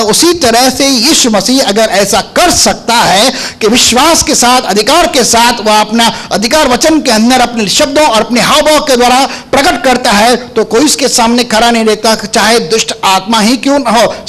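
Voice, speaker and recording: A man's voice: very high-pitched, normal speed, hardly any pauses, a bit bright. A male pastor preaching a sermon, firing rhetorical questions at the congregation and hammering points home with repetition. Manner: emphatic repetition.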